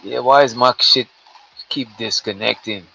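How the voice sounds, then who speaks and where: A man's voice: medium pitch, normal speed, vocal fry, sharp tone, a little hiss or hum, rough recording. A man speaking as a guest on a video call, blunt and profane, his audio garbled so it sounds underwater. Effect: garbled underwater-sounding audio from a faulty connection. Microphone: video call device.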